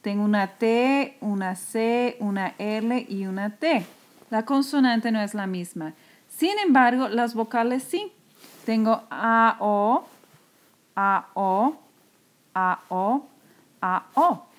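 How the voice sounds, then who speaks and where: Woman teacher, slightly high voice, unhurried, patient, screencast lesson. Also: lively intonation. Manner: patient, explanatory, repeats terms slowly.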